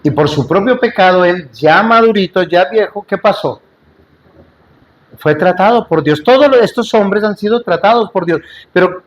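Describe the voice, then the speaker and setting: In a muffled recording, a man with a fairly high voice preaches a church sermon. He drives points home with repeated phrases and rhetorical questions to his listeners, sprinkling in small jokes and asides.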